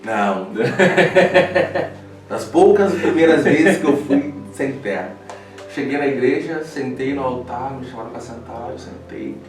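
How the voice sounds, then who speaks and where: A young preacher tells his story with feeling and laughs at his own past, recorded from a distance. His voice rings around a very echoey room. Soft music plays behind him. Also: medium pitch, animated, measured pace. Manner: storytelling, emotional, laughing at himself. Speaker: preacher guest. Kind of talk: casual chat.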